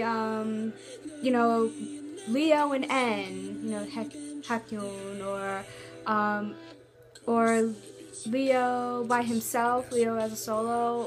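An excitable woman chatting through a reaction video, her voice high and bright. She rambles with fillers, and a loud music video plays behind her. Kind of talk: casual reaction commentary.

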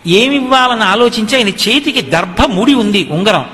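A man's voice: high voice, lively intonation, normal speed, sharp tone, a little hiss or hum. A man telling a devotional story to listeners, speaking earnestly and addressing them directly. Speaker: religious storyteller. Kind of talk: devotional discourse. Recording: long hall reverb.

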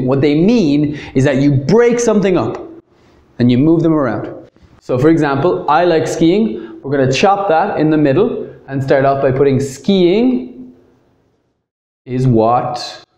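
A man's voice: on the high side, darkish tone, roomy sound. A man with an Irish accent teaching an English grammar lesson, explaining step by step and stressing key words.

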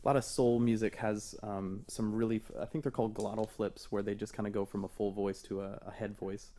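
A man in his thirties, a singer-songwriter guest on a radio show, talking in an animated, self-deprecating way with many fillers. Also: fairly low pitch, fairly quick. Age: 30s. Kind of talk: radio interview. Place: radio studio.

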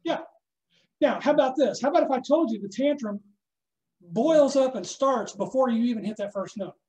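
A man teaching a snare drum masterclass, coaching a student hands-on and checking in often with a quick "okay?". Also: extremely high pitch, animated, mellow. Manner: instructive, checks in with frequent "okay?". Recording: echoey room.

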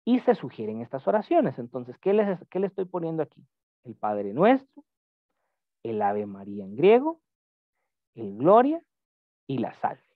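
A man's voice: medium pitch, wildly swooping pitch, unhurried, pauses often, dry recording. A man teaching a Greek lesson in an online class, patient and explanatory, often checking that his student follows. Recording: tinny phone-like call audio.

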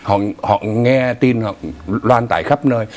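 A man's voice: medium pitch, steady tone, unhurried, a little mellow. A middle-aged man hosting a studio news talk show, speaking with many fillers and hesitations.

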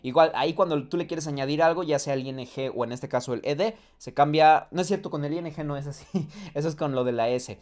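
A man's voice: a little high, fast talker, darkish tone. A man giving a casual online English lesson, talking straight to the viewer, often checking "¿ok?" and correcting himself as he goes. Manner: thinks aloud with fillers and self-corrections. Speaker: English teacher.

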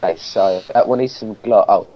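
A man's voice: lowish voice, brisk, slight background noise. A man giving casual gameplay commentary, explaining things hesitantly in pieces over a voice chat. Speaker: gamer, co-host. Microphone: online voice call. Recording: dull lo-fi voice chat.

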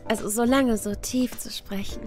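A woman streamer chatting casually in a soft, hesitant, breathy anime-streamer manner. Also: a little high, steady tone, moderate pace, music in the background. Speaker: VTuber streamer. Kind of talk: casual livestream chat.

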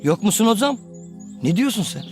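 A sly, placating swindler in a film comedy. His voice sits high for a man, and music plays behind it. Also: big pitch swings, brisk.

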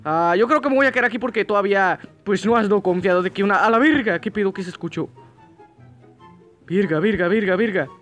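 High-voiced, foul-mouthed Mexican gamer man. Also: fast, soft background music. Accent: Mexican Spanish. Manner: profane, yelling in panic and cursing. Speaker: gaming YouTuber. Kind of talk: horror game let's play commentary.

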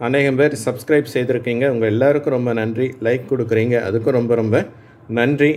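A man's voice: mid-range voice, fairly even intonation, a little mellow. Tamil-accented male teacher, mid-range voice, patient and repetitive, walks learners through sounds step by step. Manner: slow, repeats each sound, checks in with "right?". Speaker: English phonics teacher. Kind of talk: patient classroom lesson.

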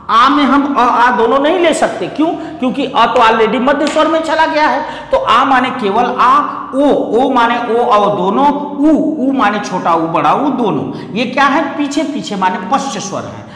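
A man's voice: very high-pitched, animated, unhurried, hardly any pauses, fairly bright tone. A man teaching an online exam coaching class. He explains step by step, repeats memory rhymes and asks his students questions. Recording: echoey classroom reverb.

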